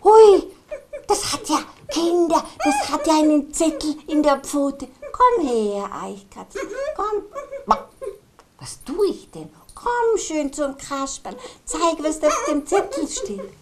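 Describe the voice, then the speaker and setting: Kasperl, a lively puppet jester, as a woman plays him. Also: sits high, slow pace, background noise, full character voice. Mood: chatty. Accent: Austrian German. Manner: chatty, talks to the children in the audience. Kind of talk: children's puppet theatre.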